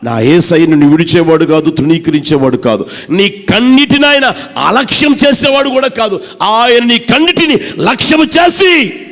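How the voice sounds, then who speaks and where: A pastor preaches a sermon to his congregation. He swings between shouted peaks and hushed low lines, repeating phrases and addressing his listeners directly. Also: expressive, moderate pace. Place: church service. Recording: long church hall reverb.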